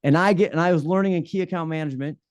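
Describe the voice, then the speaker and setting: A man's voice: on the high side, rapid-fire, clean tone, no echo. A man in his forties, a podcast guest, telling his career story in a candid, self-deprecating way. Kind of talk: conversational interview.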